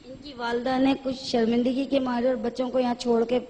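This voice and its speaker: A woman's voice: a little high, level tone, fairly quick, dark tone. A woman speaking as a guest on a live show, explaining earnestly. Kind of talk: studio conversation. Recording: echoey hall, faint noise.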